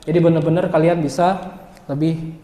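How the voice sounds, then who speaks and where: A male university lecturer, giving a lively classroom lecture, joking and speaking straight to his students. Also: on the high side, moderate pace. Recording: echoey room with long reverb.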